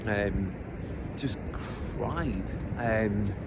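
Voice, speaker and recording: A Scottish vlogger in middle age talks slowly and earnestly about his life, pausing often and saying um as he collects his thoughts. His voice is fairly low. He's outdoors on the coast, and the recording picks up outdoor noise and passing vehicles.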